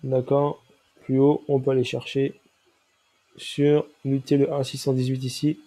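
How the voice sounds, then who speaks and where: A man talks through a trading chart in a very dark, mellow voice made nasal by a cold. His nose is clearly stuffed up. He explains step by step, middle-pitched, and keeps checking that listeners are with him. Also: flat delivery, unhurried. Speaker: crypto trading analyst. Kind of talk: chart analysis walkthrough.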